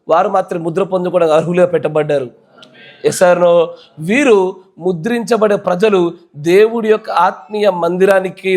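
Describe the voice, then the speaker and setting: High-voiced Telangana pastor preaching. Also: male voice, darkish tone. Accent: Telangana Telugu. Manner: quizzes the congregation, keeps asking yes or no. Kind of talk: sermon. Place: church.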